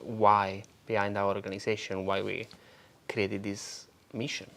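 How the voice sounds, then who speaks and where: A man in his thirties from Italy with an Italian accent, a guest telling his story in a lively, animated way in a casual interview. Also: fairly low pitch, a little slow, vocal fry. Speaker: guest, marketing agency founder.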